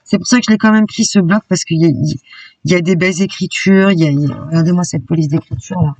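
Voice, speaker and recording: Brief: chatty craft vlogger woman, gravelly voice, a little distant from the mic. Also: on the low side, fast, darkish tone, no echo. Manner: chatty and enthusiastic, peppered with "hein". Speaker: craft YouTuber. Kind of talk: casual shopping haul vlog.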